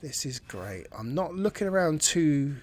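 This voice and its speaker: Very animated yet unhurried, this fairly high-pitched man hosts a gaming channel and offers casual running commentary as he plays, musing aloud and reading out the tutorial.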